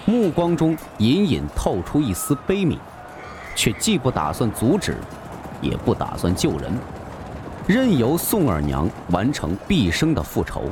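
A man's voice: medium pitch, huge pitch swings, a little slow, background noise. Theatrical male audiobook narrator. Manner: theatrical, suspenseful storytelling.

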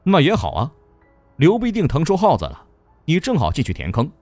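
A man voicing a stern, sarcastic male provincial governor who scolds in a sharp tone. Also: fairly high pitch, huge pitch swings, brisk, no echo, soft background music.

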